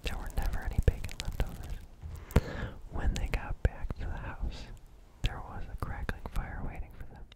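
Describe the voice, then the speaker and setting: A young man telling a bedtime-style story as ASMR, in a hushed, deliberate whisper close to the microphone. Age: young adult. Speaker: ASMR host. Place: small dim room indoors. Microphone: close desktop condenser microphone.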